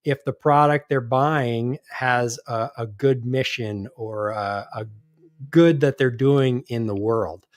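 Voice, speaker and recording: Medium in pitch, fairly even in intonation, and slow, this man's voice is captured in clean studio sound with no room echo. He hosts a casual live-stream chat as a podcast host, reading news items aloud hesitantly and restarting often.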